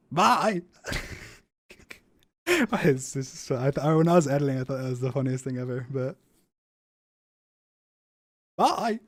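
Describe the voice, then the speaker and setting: A young man casually commenting on his own gameplay video, rambling with lots of "like" and quick restarts. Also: medium pitch, sing-song, no room sound. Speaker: YouTuber reacting to own video.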